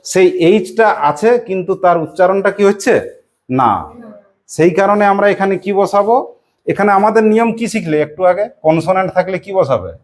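A woman's voice: medium pitch, a little fast, darkish tone. A woman with a West Bengal Bengali accent teaching a primary school English lesson in a classroom, patiently repeating questions and prompting the pupils to answer. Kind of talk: classroom lesson with call-and-response drilling.

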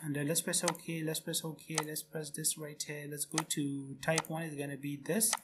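A man narrating a screen-recorded software tutorial in quick, repetitive step-by-step phrases. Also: on the high side, level tone. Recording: noisy home recording.

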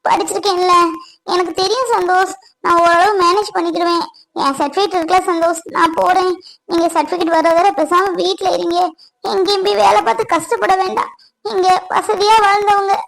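A woman playing an anxious young wife who has run away from home, speaking softly and pleadingly. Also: extremely high pitch, steady tone, fairly quick, gravelly, exaggerated voice, rough recording. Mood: worried. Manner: worried, pleading, soft. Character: anxious young runaway wife, self-blaming. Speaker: actor. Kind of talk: family comedy-drama acting.

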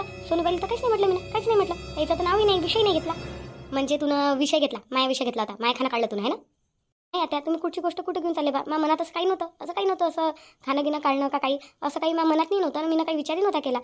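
A woman doing a shrill, defensive young daughter-in-law. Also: racing, faint music behind. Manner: pleading, defensive. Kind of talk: cartoon voice acting.

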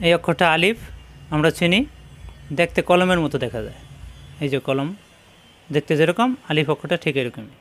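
A man teaching Quran reading in a spoken lesson, patiently repeating each letter sound slowly for practice. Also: a little high, a bit bright. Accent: Bangladeshi Bengali.

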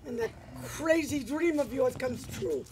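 A woman playing a soft worried mother. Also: high-pitched, lively intonation, unhurried. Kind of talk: live stage musical acting. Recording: live stage with crowd noise.

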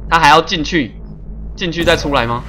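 Excitable bright-voiced game streamer. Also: male voice, fairly high pitch, a little fast, faint music behind. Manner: excitable, chatty, laughs often, makes little sound-effect noises. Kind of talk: live gameplay commentary.

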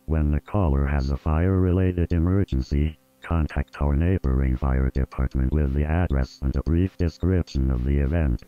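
A man voicing a glitching, deep tape announcer. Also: steady tone, normal speed, few pauses, dark tone. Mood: commanding. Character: deep, cold male instructional voice on a tape. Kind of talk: scripted instructional announcement. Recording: dull lo-fi tape playback.

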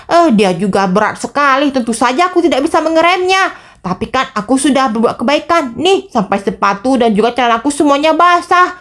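A woman's voice: sits high, a bit bright. A woman voicing a selfish, mischievous young boy who sulks and mutters to himself in a story told over a game.

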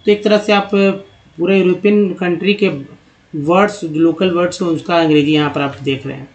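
A man giving a spoken English lesson. He reads words out slowly one by one, then explains them. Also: sits high, fairly even intonation. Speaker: English teacher. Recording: dull lo-fi sound.

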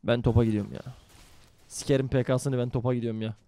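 A man streaming a game live, talking to his chat in a brash, excitable, foul-mouthed way. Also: mid-range voice, fast talker. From Turkey. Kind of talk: live gaming stream commentary.

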